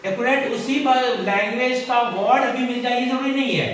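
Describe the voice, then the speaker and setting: A man giving a measured, explanatory classroom lecture, speaking directly to his students. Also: very high voice, fairly bright tone. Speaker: teacher. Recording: echoey room, far from mic, dull lo-fi sound, faint hiss.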